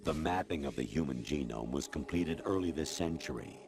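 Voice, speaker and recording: A man with a very deep, expressive voice plays a formless AI in a video game cutscene, posing as a colonel. He lectures coldly, measured, authoritative and matter-of-fact, while loud music plays behind the dialogue.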